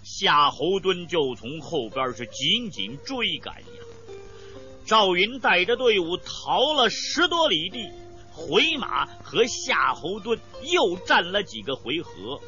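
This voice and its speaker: A woman telling an old war tale in a traditional storyteller's manner, dramatic and emphatic. Her delivery is slow and swoops widely in pitch, with a bright tone. Faint music plays behind a slightly dull recording. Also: very animated. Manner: dramatic, emphatic, with sound words.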